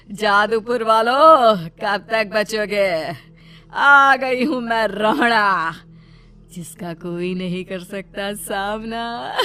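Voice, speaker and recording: Menacing old hag witch for a children's story, played by a woman, drawn-out threats, gleeful cackle, music underneath. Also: mid-range voice, sharp tone. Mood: gloating menace. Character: menacing cackling banana-selling witch, female, 55, preying on children. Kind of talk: acted villain in an animated children's story.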